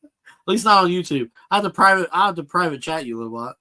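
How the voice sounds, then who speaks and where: A man's voice: high voice, expressive, quick pace, sharp tone. A man hosting a casual live chat about toys and films, answering viewers' comments as he goes. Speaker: toy collector channel host.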